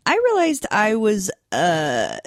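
A woman's voice: mid-range voice, huge pitch swings, slow pace, no echo, clean studio sound. A woman guest in casual chat, telling personal stories loosely with many fillers and frequent laughter. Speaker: podcast guest.

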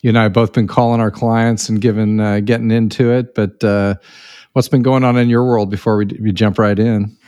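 A man's voice: fairly low pitch, flat delivery, brisk, darkish tone, clean tone, no room sound, studio quality. A man co-hosting a casual podcast, chatty and upbeat, with folksy playful asides. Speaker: podcast co-host.

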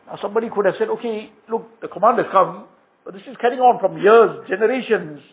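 High, gravelly man preaching over tinny sound. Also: fast talker. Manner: earnest storytelling, sprinkled with Arabic phrases. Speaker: Islamic preacher. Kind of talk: sermon.

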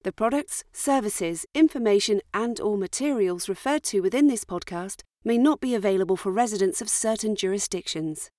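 A woman reads a scripted legal disclaimer in a formal, steady manner, like financial fine print. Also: medium pitch, normal speed, hardly any pauses, dry recording, studio quality. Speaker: disclaimer reader.

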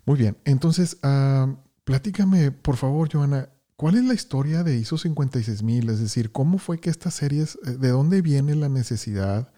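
He's a podcast host from Houston, Texas, whose warm, mid-range voice is expressive and moderately paced. He opens with an energetic greeting to listeners and repeats words often as the interview goes on.

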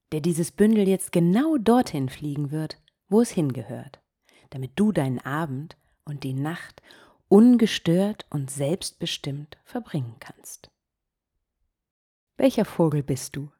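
Slow, breathy, low-voiced woman guiding meditation. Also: expressive. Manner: slow, soft-spoken, gently guiding, drops into whispers. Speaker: meditation podcast host. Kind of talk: guided meditation.

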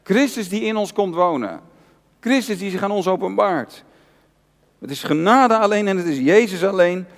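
Guy preaching in church, fairly high voice, long echo trailing off. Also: normal speed. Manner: earnest, personal preaching with repeated emphatic phrases. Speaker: pastor. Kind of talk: sermon. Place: church hall.

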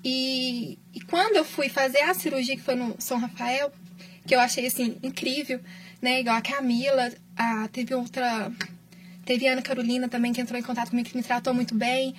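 High-pitched brazilian woman, emotional chatty storytelling, a bit off mic. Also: fairly even intonation, fairly quick, recorded from a distance. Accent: Brazilian Portuguese. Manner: emotional, affectionate storytelling with frequent laughs. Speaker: patient guest. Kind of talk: casual podcast chat.

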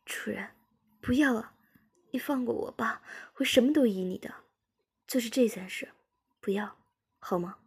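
A woman voicing a frightened young woman who begs in a soft, half-whispered, husky voice. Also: on the high side, normal speed, long pauses, pitched above the performer's own voice. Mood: pleading.

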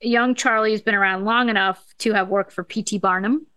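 A woman's voice: medium pitch, fairly even intonation, fairly quick, bright, forceful tone, clear, resonant tone, no echo. A woman co-hosting a podcast, casually recapping a TV episode with frequent fillers. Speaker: podcast co-host.

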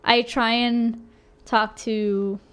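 Young woman student, bright clear voice, rambling casual chat with fillers. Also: on the high side, little pitch movement. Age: young adult. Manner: fast rambling with many fillers. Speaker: college student.

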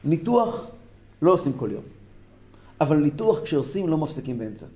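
Male Torah teacher, impassioned, quite high voice, roomy recording. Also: sing-song. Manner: impassioned, swings from loud exclaiming to low intensity. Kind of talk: Torah lesson to a group.

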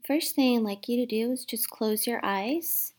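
A woman leading a guided meditation in a soft, soothing, unhurried manner, with long pauses between instructions. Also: fairly high pitch. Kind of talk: guided meditation, instructing listeners to relax and breathe.

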